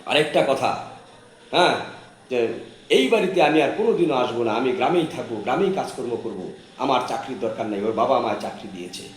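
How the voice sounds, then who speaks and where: A man's voice: medium pitch, animated, fairly quick, close to an everyday voice. A man voicing a poor village-born son who speaks sternly and firmly to his wife. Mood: bitter. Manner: stern, clipped threats, close to the narrator's own voice. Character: poor village-born son, angry, firm, protective of father. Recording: roomy echo, faint background noise.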